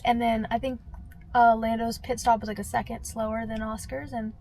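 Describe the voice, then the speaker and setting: A young woman vlogging in casual chat, ranting with lots of fillers and swearing, her voice swinging from low mutters to loud outbursts. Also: little pitch movement, normal speed, a little hiss or hum, rough recording. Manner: heavy filler use, frequent swearing.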